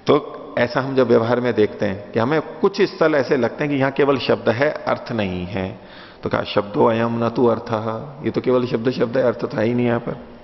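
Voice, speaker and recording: A man giving a lesson on Vedic philosophy, reciting Sanskrit lines slowly and then explaining them in a conversational, questioning way. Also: medium pitch, creaky. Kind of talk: lecture explaining Sanskrit sutras. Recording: dull lo-fi audio with long reverb.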